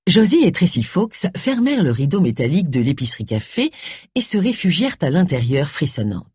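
A woman narrates a novel with expressive, scripted storytelling. Her voice is husky and her pitch moves widely. The sound is dry and close to the mic. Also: brisk, dry recording. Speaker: audiobook narrator.

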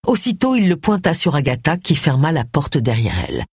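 Brief: audiobook narrator, dramatic and lively pitch, close dry recording. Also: fairly quick, husky, dry recording. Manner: expressive, dramatic reading. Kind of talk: scripted narration.

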